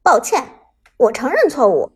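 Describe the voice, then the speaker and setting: A woman's voice: sits high, very animated, a little slow, slightly rough, full character voice. A woman voicing a grudging male veteran esports player who speaks in an insincere, sing-song, mocking way.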